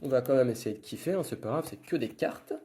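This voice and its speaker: A man's voice: mid-range voice, quick pace, dark tone, husky. A man giving casual running commentary while opening trading card packs, murmuring card names one after another.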